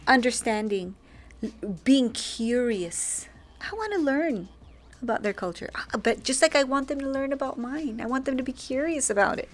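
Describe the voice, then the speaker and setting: A woman co-hosting a podcast, talking in an animated, provocative way. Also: sits high, moderate pace. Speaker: podcast co-host. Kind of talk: casual discussion.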